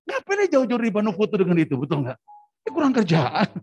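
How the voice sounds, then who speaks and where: A man preaching a storytelling sermon as a pastor over a video call, animated and often laughing. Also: sits high, fast talker, husky. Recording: dull lo-fi video-call audio with faint music.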